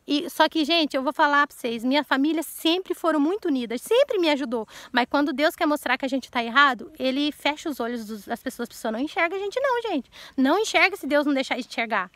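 A woman's voice: high-pitched, expressive, fast talker, few pauses, fairly bright tone, dry recording. A woman, in her thirties, telling an earnest personal faith testimony straight to her listeners and repeating words for emphasis.

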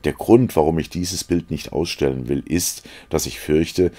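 A man's voice: very deep voice, a little slow, dark tone. A man reading aloud as an earnest, secretive young painter who confides and pleads. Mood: earnest, confiding.

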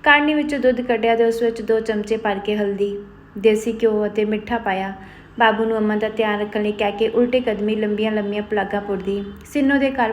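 Woman, storyteller, scripted narration, steady, fairly high pitch.

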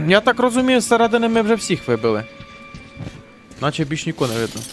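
A man's voice: sits high, big pitch swings, fast. A man giving casual let's-play commentary, chatty, swearing and joking to himself as he plays. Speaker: gaming channel host. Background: game music and gunfire.

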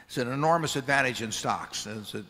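An older man sits at a table microphone on a big arena stage, fielding shareholder questions in a casual, folksy ramble full of restarts. His voice is medium in pitch, fairly quick and sharp. The arena PA leaves a long hall reverb on the recording.

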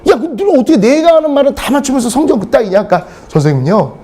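Man, middle-aged, English lecturer, blunt comic storyteller, swears a lot, very lively pitch. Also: very fast. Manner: animated, blunt, swears freely for laughs.

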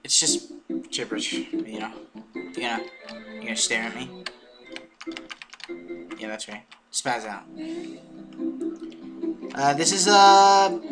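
A man giving casual, joking commentary over a video game, with offhand mumbled asides. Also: medium pitch. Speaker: let's play commentator. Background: game music.

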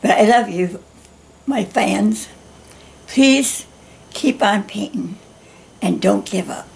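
A woman in her nineties, gently encouraging viewers at the end of a painting lesson, slow and warm in manner, her voice going hoarse. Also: medium pitch. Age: 90s. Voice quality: gravelly. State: losing her voice. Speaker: art instructor. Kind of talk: painting tutorial talk.

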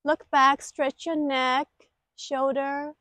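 High-pitched woman giving slow exercise cues. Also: level tone, fairly bright tone, no echo. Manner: short, clipped directive phrases. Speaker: qigong instructor. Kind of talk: exercise instruction, step-by-step cues. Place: outdoor lakeside paved terrace.

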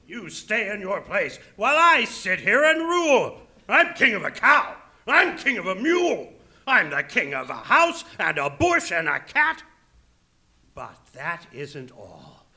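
A woman's voice: mid-range voice, very animated, slow pace, sharp tone, full character voice. A woman voicing a pompous, bossy male turtle king in a children's story read-aloud, bellowing and gloating.

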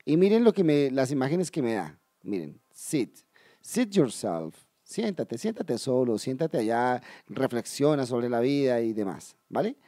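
A man teaching English in a video lesson, explaining step by step, addressing viewers directly and slowly repeating key words. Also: medium pitch, very animated, dark tone, no room sound, clean studio sound. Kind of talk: video lesson for Spanish speakers.

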